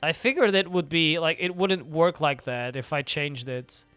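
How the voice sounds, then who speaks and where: A man's voice: a little high, normal speed, bright, forceful tone, clear, resonant tone, dry recording. A young man streaming a video game live, chatting casually and rambling with lots of filler words. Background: faint game music.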